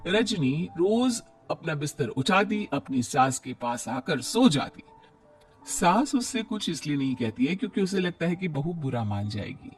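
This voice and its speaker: A man narrating a cartoon story in a measured storytelling manner. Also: fairly high pitch, big pitch swings, faint music behind.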